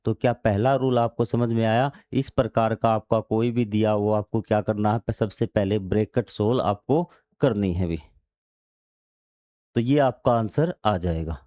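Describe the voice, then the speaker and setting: Unhurried and lowish, with a dark tone, a man's voice guides a maths lesson in a dry recording. He reads textbook passages, explains them in plain words, answers his own questions, and goes back over key steps.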